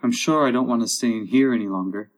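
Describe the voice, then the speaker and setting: A man's voice: medium pitch, fast, close to an everyday voice. A man voicing a curious young girl who muses and questions herself in a storybook. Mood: puzzled. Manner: wondering, self-questioning.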